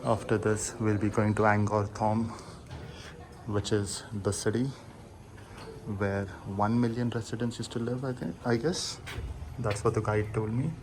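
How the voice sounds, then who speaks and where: Guy doing a travel vlog, kinda low monotone voice, noisy ambience behind. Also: unhurried. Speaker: travel vlogger. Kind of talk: casual travel vlog narration. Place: at a large temple site. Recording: clear background noise, outdoor ambience.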